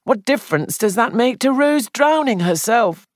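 A reader voicing a distraught young man accused of murder, pleading in a high, shaky voice. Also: lively intonation, normal speed, no room sound, clean studio sound, close to an everyday voice. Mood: panicked. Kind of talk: audiobook character voice.

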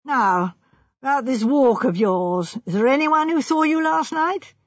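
Audiobook role: stern police officer, male read by a woman, formal, measured, unemotional, slightly husky. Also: high voice, lively intonation, no room sound, dull audio, voice pushed up. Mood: pressing.

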